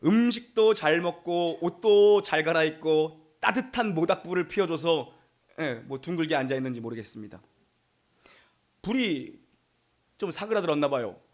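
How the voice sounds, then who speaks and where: A man's voice: on the high side, animated, moderate pace. A male pastor from Gyeonggi Province giving a Sunday sermon in a chatty storytelling way, acting out bits of dialogue. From Gyeonggi Province, Korea.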